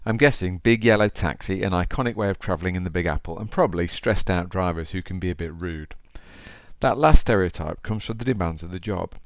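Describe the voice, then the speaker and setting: Deep-voiced man with an East Midlands accent. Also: fairly quick, no room sound, clean studio sound. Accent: East Midlands English, Derby. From Derby, England. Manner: chatty, informal, addressing the listener directly. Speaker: podcast host. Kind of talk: informal solo podcast talk and story reading.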